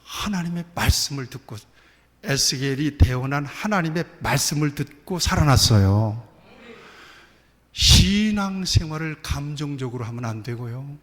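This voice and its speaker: A man's voice: a little high, animated, a little slow. Man preaching in a reverberant church hall. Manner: conversational preaching, mimics quoted prayers, rhetorical questions. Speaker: pastor. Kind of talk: sermon. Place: church sanctuary.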